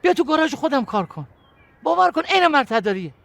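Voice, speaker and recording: An actor playing a sarcastic, bossy father who mocks his daughter's fiancé with swings between loud and soft. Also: very high-pitched, big pitch swings, vocal fry, exaggerated voice. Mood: scornful. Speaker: father in a comedy series.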